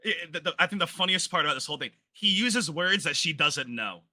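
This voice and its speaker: A man tells a story in casual commentary with a high, very bright and cutting voice. The sound is dry, and he repeats and mimics as he goes. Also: animated, fast, no room sound. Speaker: panelist.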